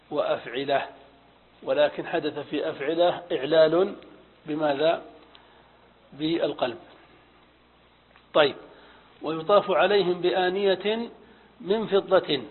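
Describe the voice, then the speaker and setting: A man teaching Arabic grammar in a methodical lecture, asking and answering his own questions and repeating key terms. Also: on the high side. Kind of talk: classroom lecture on morphology and syntax. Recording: phone-like audio with long hall reverb.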